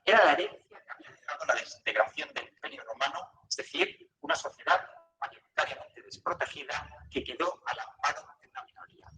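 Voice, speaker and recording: Male documentary narrator, bright and formal, with stuttering, dropping buffered audio and a faint hiss behind. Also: far from the mic. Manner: formal, measured reading with lively pitch. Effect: choppy audio that keeps cutting out, like a buffering video stream. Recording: echoey video played through a call, faint noise.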